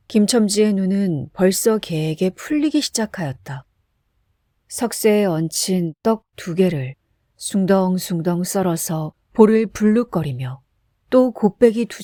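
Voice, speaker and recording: A woman narrating a classic short story in a measured, steady reading voice, close to the mic. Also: mid-range voice, no echo. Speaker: audiobook narrator. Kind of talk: literary narration.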